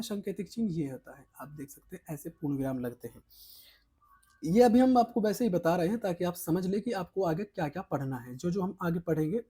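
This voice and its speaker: A man from India teaches an exam prep lesson in a dark, mellow voice with a husky edge. He talks emphatically, coaxing his students along and repeating each point. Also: high-pitched.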